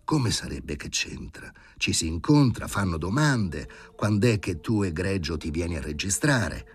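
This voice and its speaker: A man's voice: low-pitched, sing-song, a little slow, breathy edge, exaggerated voice. A man voicing a coarse, cocky man who used to be a stray dog, talking back with brash, sarcastic insolence in an audiobook reading.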